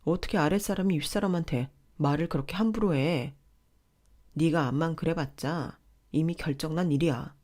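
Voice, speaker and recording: A woman's voice: low voice, normal speed, a little mellow. A woman voicing an arrogant, controlling young husband who talks down to his wife in a sneering, dismissive way.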